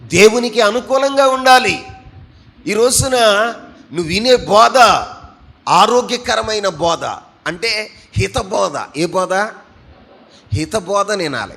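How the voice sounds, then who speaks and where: Fervent male preacher, fairly high voice. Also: expressive, slow pace, vocal fry, pauses often, breathy edge. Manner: fervent, call-and-response questions, swings loud and soft. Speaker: pastor. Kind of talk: sermon.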